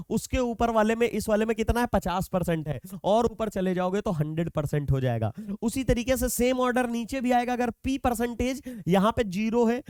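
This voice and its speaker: A man's voice: sits high, darkish tone, clean tone, no echo, studio quality. A man teaching a chemistry lecture to students, explaining step by step with everyday examples and speaking to them directly. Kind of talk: classroom lecture.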